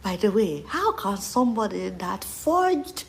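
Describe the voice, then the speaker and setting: A woman from Nigeria with a Nigerian accent giving satirical commentary, animated and mocking, mixing Yoruba phrases into English. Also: mid-range voice, measured pace, creaky. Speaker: commentary host.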